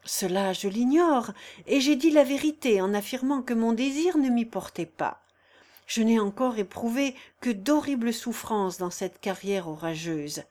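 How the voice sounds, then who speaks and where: A woman's voice: fairly high pitch, a little mellow. A woman reading the part of a proud young singer who speaks earnestly and with passion in a storybook. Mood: impassioned.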